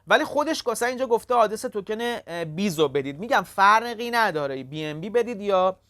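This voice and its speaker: Halting, casual tutorial host, dry sound. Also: medium pitch, expressive, fairly bright tone, no room sound. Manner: talks step by step, halting with frequent "uh" fillers; addresses viewers as kids and friends. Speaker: crypto tutorial channel host. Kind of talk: casual screen-recorded walkthrough.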